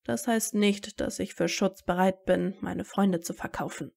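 A woman's voice: medium pitch, steady tone, unhurried, gravelly, darkish tone. A woman voicing a guarded teenage wizard boy who answers in clipped, wary retorts in a fan audiobook. Her own reading voice carries him. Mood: wary, bitter.

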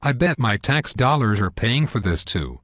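A man's voice: medium pitch, sing-song, moderate pace, fairly bright tone, dry recording, studio quality. A synthetic male voice playing a smug, belligerent parody news anchor in a scripted cartoon newscast, stiff and pompous. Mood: accusing.

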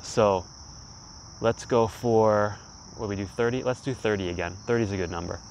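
A man's voice: lowish voice, normal speed, darkish tone, poor audio. A man in his thirties instructing a guided breathing exercise in short, spaced-out phrases. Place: outdoors by a leafy pond. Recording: insects and outdoor ambience, faint noise.

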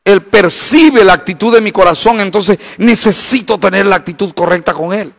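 A high-voiced man preaches a Bible study. He is animated and acts out the imagined voices of his listeners. His delivery is full of rhetorical questions. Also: moderate pace, gravelly. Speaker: pastor.

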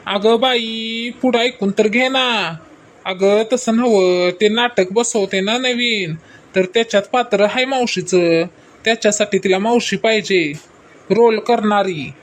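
A woman's voice: mid-range voice, measured pace, slight background noise, close to an everyday voice. A woman playing a sheepish, stammering husband. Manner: hesitant, stammering, placating. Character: bumbling middle-aged husband, sheepish and evasive. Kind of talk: comic skit acting.

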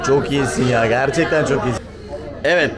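A man filming behind the scenes of a comedy show, teasing and coaxing the cast with quick praise. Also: medium pitch. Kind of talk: casual backstage chat. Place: backstage of a large hall. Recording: echoey hall with loud music and crowd.

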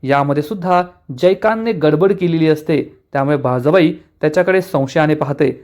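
A man with a notably high voice tells a serial episode in a chatty recap. He swings into each character's dialogue with animated emphasis, quoting husband, wife and elder in turn. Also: a little fast. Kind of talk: casual retelling of a TV episode.

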